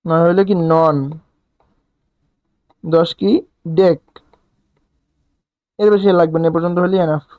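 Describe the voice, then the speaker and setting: A man with a high voice teaches a chemistry lesson, asking his students questions and answering them himself. He counts aloud and talks in an easy, colloquial way. The sound is dry and close, with no room around it. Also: fairly even intonation, measured pace, pauses often, no echo, phone-quality sound. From Bangladesh. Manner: colloquial, dialect forms. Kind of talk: recorded lecture at a board.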